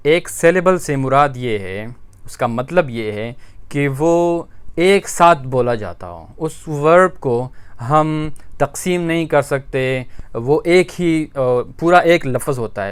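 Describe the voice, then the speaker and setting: Patient male grammar teacher, clear voice. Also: fairly high pitch. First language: Urdu. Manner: patient, repeats points, many filler "uh"s. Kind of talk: explanatory lesson.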